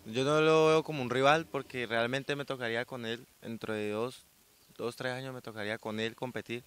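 Soft-spoken Colombian teen athlete. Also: male voice, mid-range voice, fairly even intonation, moderate pace, clean tone. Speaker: young weightlifter interviewee. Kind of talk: casual interview answers. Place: outdoors by a sports ground. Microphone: handheld reporter mic.

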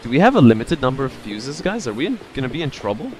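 Male game streamer, casual commentary, playful, thinking aloud, animated intonation, faint music in background. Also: medium pitch, fast. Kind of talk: casual live gameplay commentary.

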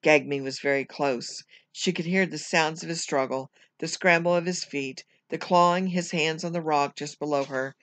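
Storybook read-aloud, teacher, measured pace, small self-corrections, mid pitch, dry close sound. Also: steady tone, a bit bright, no echo.

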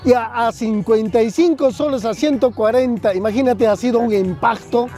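A man's voice: extremely high pitch, normal speed, mellow, faint music behind. A man, a municipal official at an outdoor fair giving an earnest press interview, listing items and adding tag questions. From southern Peru.

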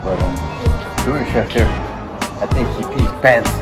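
A man hosting his own vlog from a car at a car wash, talking playfully and excitably. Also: medium pitch, normal speed, over a noisy crowd, low-quality recording. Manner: playful, excitable, keeps saying "bro" and "huh?". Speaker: YouTube vlogger host. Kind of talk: casual vlog chat. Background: loud music.

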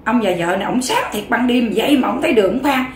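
A woman's voice: on the high side, expressive, fast, reverberant, a little hiss or hum. A woman with a Southern Vietnamese accent, a mukbang vlogger, telling a folk joke to her viewers in a chatty, giggly way with many fillers.

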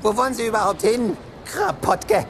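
High-pitched barking Prussian officer kangaroo. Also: male voice, lively intonation, normal speed, a bit bright, slight background noise. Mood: barking, commanding. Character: bossy, cheeky talking kangaroo playing army officer.

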